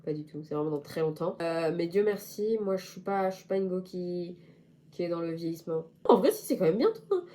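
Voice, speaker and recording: A woman's voice: fairly low pitch, animated, fairly quick, dark tone. A young woman in casual chat to camera as a vlogger, playful and self-mocking, with slang. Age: young adult.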